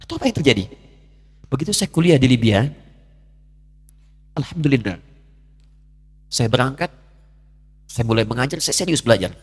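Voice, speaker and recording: A man's voice: medium pitch, sing-song, moderate pace, long pauses, breathy edge. A middle-aged man preaching a sermon, telling an emotional story with a voice that rises and swells. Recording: long hall reverb.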